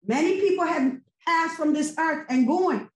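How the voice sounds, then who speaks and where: This middle-aged woman speaks in a very high voice at an unhurried pace, responding to a sermon with impassioned testimony full of forceful rhetorical questions. She's in a home room behind a virtual background, heard through a laptop webcam on an echoey video call.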